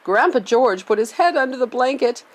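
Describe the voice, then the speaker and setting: Woman, storybook reader, expressive, animated pitch, a bit high. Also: moderate pace. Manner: lively, expressive. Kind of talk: reading a children's novel aloud.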